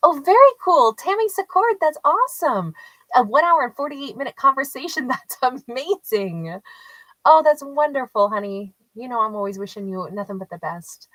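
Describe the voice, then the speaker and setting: On a casual livestream, a woman gives tarot readings and chats with her viewers, laughing a lot as she rambles through restarts and fillers. Her high, animated voice is fairly bright and moves at normal speed. The poor-quality audio has no room sound.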